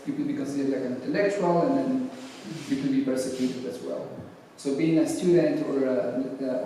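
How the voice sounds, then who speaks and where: A middle-aged man from Guatemala, speaking to a congregation and answering an audience question in a measured, thoughtful way with frequent hesitations. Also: mid-range voice, dark tone, a little hiss or hum. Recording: echoey hall, voice from far off.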